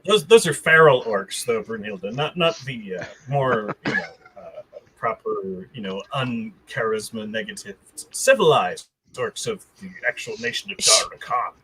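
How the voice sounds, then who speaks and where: A man running a tabletop game as game master, talking in a halting way with many fillers and restarts. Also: mid-range voice, big pitch swings, pushed and bright, slight background noise.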